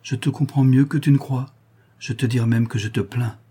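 A calm, indignant wife who lectures with firm reproach, as a man reading a novel puts her on. His dark, husky voice lifts a little for her lines. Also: medium pitch, normal speed, voice pushed up, natural voice. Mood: reproachful. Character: composed indignant married woman.

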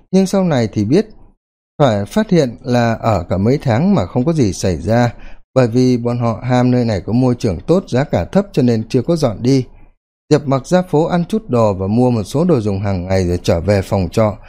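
A man narrating a novel as an audiobook with an expressive, lively delivery. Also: medium pitch, normal speed. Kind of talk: audiobook storytelling.

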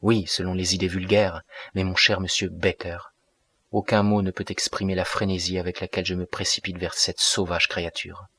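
A man's voice: low-pitched, little pitch movement, normal speed, a bit bright, slightly rough, dry recording, full character voice. A man reading the part of a brooding, passionate young man in an audiobook, in an intense, declamatory manner. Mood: impassioned.

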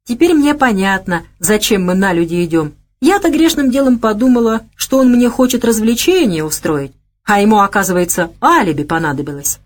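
A woman reading aloud at a slightly fast pace, close to her everyday voice, plays a coy, teasing young girl who is sly and stubborn. Her delivery is high and lively, bouncing around a lot.

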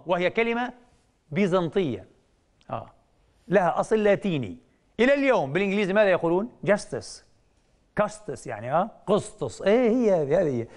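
A man's voice: high-pitched, big pitch swings, quick pace, a little mellow. A middle-aged man giving a religious lecture on television, teacherly and emphatic, who keeps asking his audience rhetorical questions. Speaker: Islamic scholar and TV lecturer.

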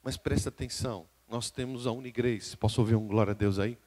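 Preaching live, a pastor with a Brazilian Portuguese accent speaks briskly in a steady, mid-range voice. His forceful sermon alternates between quiet and loud passages, and he keeps calling out to the congregation.

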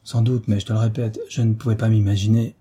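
An eager, impulsive young officer, as a male narrator puts him on. The tone is fervent and a little raised, on a dark, deeply husky voice. It is an audiobook reading. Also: flat delivery, quick pace.

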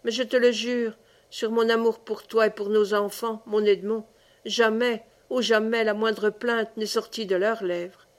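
A woman narrating a classic literary audiobook in a measured, expressive reading. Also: fairly high pitch. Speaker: audiobook reader.

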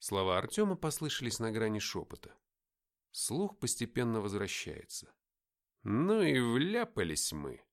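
A man reading a first-person audiobook in a lively, expressive way. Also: medium pitch, unhurried. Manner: lively, expressive reading with loud acted dialogue. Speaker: audiobook narrator.

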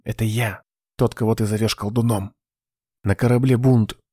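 A cool, hard-edged young agent giving short, commanding orders in a low voice, as a male narrator reads him. The audiobook sound is dry and close. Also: fairly even intonation, normal speed, mellow, husky, no echo. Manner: terse, commanding.

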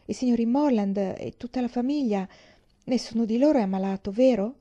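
A woman's voice: fairly high pitch, brisk, dull audio, pitched above the performer's own voice, close to an everyday voice. A woman doing a kind, concerned young lady. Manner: gently questioning.

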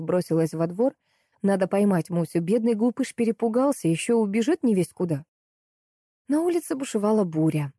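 A woman narrating a first-person audiobook in a steady, lively storytelling way. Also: on the low side, dry recording, clean studio sound.

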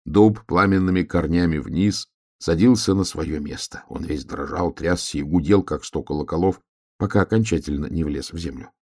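Deep, gravelly male storyteller, animated reading of a children's tale. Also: normal speed. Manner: expressive, lively storytelling. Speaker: narrator.

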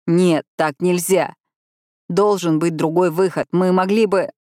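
A woman's voice: on the low side, normal speed, a little mellow, dry recording, studio quality, lightly acted. A woman doing a tearful young man, sobbing. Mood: distraught. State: crying. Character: distraught young man pleading.

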